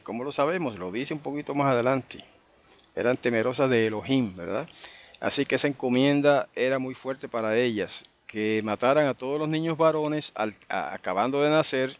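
Slow, deliberate male Bible teacher. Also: medium pitch. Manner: unhurried, explanatory, with frequent tag questions.

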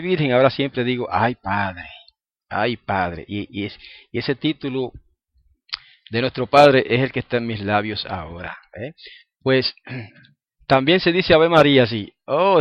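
A man's voice: mid-range voice, dry recording. Conversational male preacher, muffled recording. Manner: conversational, asks the listeners "¿ah?" and "¿verdad?" often; chuckles between points. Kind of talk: informal sermon to a congregation.

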